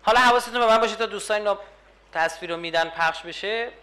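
A man lectures on religious texts with a very high-pitched, bright, forceful voice. He presses his points hard and keeps throwing rhetorical questions at the room. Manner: emphatic, rhetorical questions to the audience. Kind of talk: religious lecture to a live audience.

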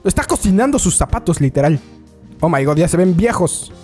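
A Mexican man talks through short clips in a loose, chatty way, his pitch leaping up and down as he reacts. He laughs often and bursts into quick exclamations. A bit of music sits faintly behind his voice. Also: sing-song, a little mellow. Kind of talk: casual reaction commentary. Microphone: desk microphone.

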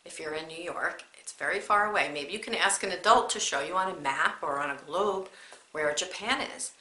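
A young woman leading a children's story time, speaking slowly and encouragingly in a sing-song way, as if to small children. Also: lowish voice, sharp tone. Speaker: children's librarian. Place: library room. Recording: echoey room.

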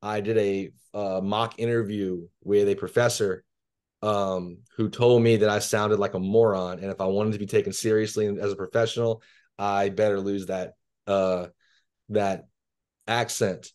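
The audio comes from a laptop camera on a video call, where a Louisiana guest author in his thirties sits in his bedroom. He first reads his horror fiction in an even, low, measured manner, then responds to questions in a casual tone.

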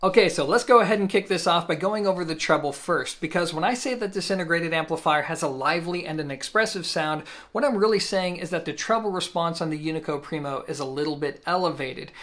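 An audio equipment reviewer hosting a channel, narrating a scripted product walkthrough. The delivery is upbeat and casual, with jokey asides thrown in for the viewer. The voice sits at an ordinary middle pitch. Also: quick pace, hardly any pauses, a bit bright, faint music behind.

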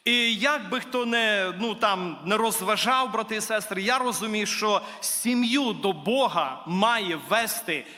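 Man preaching, high bright voice, earnest then emphatic, long church reverb. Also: unhurried, few pauses. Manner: earnest, rising to emphatic declarations; addresses listeners as brothers and sisters. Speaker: guest preacher. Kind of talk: sermon. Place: church hall.

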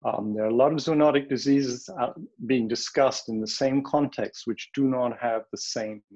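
A man giving a frank, opinionated conference talk over a video call, pausing often with ums. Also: medium pitch, steady tone, a little mellow, muffled recording. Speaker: panel speaker, wildlife health director. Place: home or office in the Bronx.

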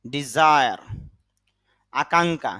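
A man teaching English vocabulary, saying each word slowly, sometimes twice, then giving its meaning. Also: fairly high pitch, sharp tone. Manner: repeats words slowly, then gives the meaning. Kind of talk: slow vocabulary lesson.

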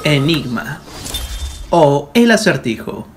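Male gaming host, slightly high voice, casual commentary, informal muttering to himself, faint noise. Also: sing-song, takes it slowly. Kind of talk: casual let's play commentary and reading aloud. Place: indoor voice-over on game footage.

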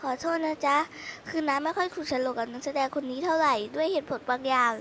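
A woman voicing a kind, polite mother of a schoolboy in a one-person voice drama, talking softly and sweetly. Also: high voice, fast, a little hiss or hum. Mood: gentle.

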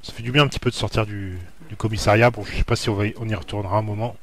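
A man's voice: fairly low pitch, steady tone, rapid-fire, fairly bright tone. A young man giving casual gameplay commentary, informal, repeating himself and searching for words. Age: young adult. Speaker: let's play YouTuber.

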